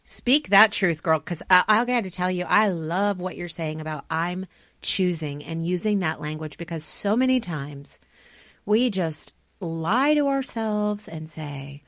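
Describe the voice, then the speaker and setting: A woman's voice: on the low side, animated, unhurried, fairly bright tone, dry recording. A woman hosting an interview, enthusiastic and affirming toward her guest. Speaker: host. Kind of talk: podcast interview.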